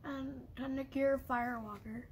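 A woman's voice: high voice, fairly even intonation, moderate pace, a little hiss or hum. A woman hosting a casual pack-opening vlog, reading card names aloud and humming little sound effects. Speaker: channel host.

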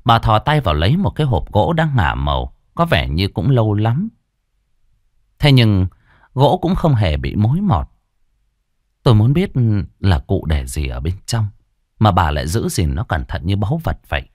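A man narrating a ghost story dramatically, dropping to a hush for tension. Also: fairly low pitch, normal speed, no room sound, studio quality. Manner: dramatic, expressive, swings between hushed and loud.

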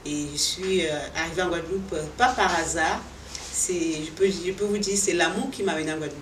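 A woman's voice: on the low side, fairly quick, background noise. A middle-aged woman from Cameroon, a fashion designer and boutique owner, answering interview questions in an earnest, hesitant way with many fillers and restarts. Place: indoor boutique, seated. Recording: echoey room, voice from a distance, music underneath.

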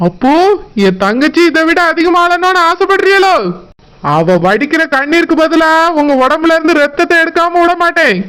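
A woman's voice: very high-pitched, expressive, moderate pace, fairly bright tone, rough recording. A woman voicing an angry, protective elder brother in a village cartoon, with a Tirunelveli Tamil accent. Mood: threatening. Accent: southern Tamil Nadu (Tirunelveli). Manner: threatening, scolding, then remorseful. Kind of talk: cartoon voice acting.

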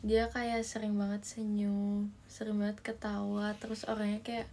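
A young woman, an idol livestream host, chats with viewers from a small bedroom, reading their comments and giggling often. She holds her phone close in selfie framing, and her mid-range, warm voice is monotone at normal speed, with a little hiss or hum.

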